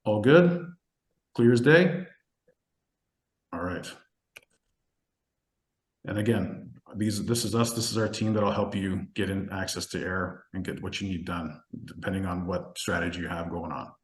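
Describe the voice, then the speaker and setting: Low-voiced man pitching, echoey call. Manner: fast-talking, keeps checking in with listeners. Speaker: webinar presenter. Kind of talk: casual sales presentation.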